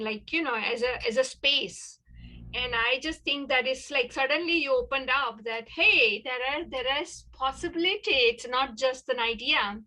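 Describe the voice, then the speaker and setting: A woman speaking up in an online class over a group video call, halting and searching for words as she restarts her sentences. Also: a little high, sharp tone, rough recording. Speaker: workshop participant. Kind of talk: casual sharing in an online class.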